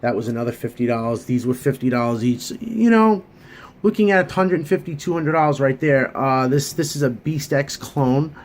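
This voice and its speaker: A man talking through a casual hobby gadget review at a middling pitch. He rambles in a chatty, earnest way, full of fillers and restarts. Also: lively intonation, normal speed.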